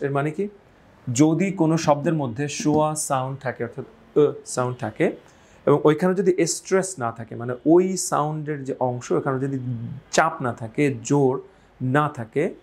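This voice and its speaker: A man teaching English pronunciation in a spoken lesson, explaining step by step, asking the viewers questions and repeating example words slowly. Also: a little high.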